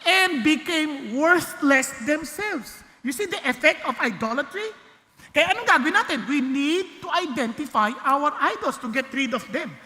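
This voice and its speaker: A man's voice: extremely high pitch, lively intonation, normal speed, long reverb tail. A pastor preaching a sermon with emphatic exclamations and frequent checks on his listeners. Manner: mixes English and Filipino, asks the congregation if they are still with him; emphatic, rises to loud exclamations.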